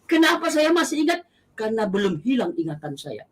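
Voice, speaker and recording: A middle-aged Acehnese man tells his faith story with deep feeling. His accent carries traces of Medan and eastern Indonesia. His voice drops to low murmurs, then rises into high, near-tearful cries. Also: very animated, brisk, a bit bright. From Aceh, Indonesia. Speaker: testimony guest. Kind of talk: personal testimony.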